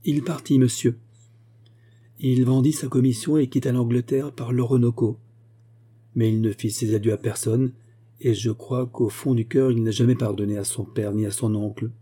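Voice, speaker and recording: A man's voice: medium pitch, fairly even intonation, moderate pace, mellow, breathy edge, lightly acted. A man reading the part of a loyal old bank clerk who speaks earnestly and with feeling. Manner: pleading, earnest. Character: elderly male bank clerk, loyal and emotional.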